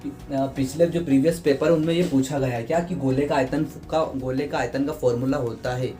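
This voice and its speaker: A man's voice: mid-range voice, steady tone, a little fast, dark tone. A man teaching a math lesson for exam prep. He asks his students questions, answers them himself, and repeats key terms over and over. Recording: echoey room with guitar music behind.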